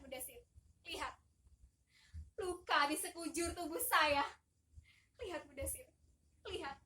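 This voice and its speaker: A woman's voice: extremely high pitch, bright, forceful tone, a little hiss or hum. A young woman acting in a stage monolog, playing an abused, imprisoned female migrant worker who speaks with passion, cries out and sobs. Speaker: student actor. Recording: distant mic.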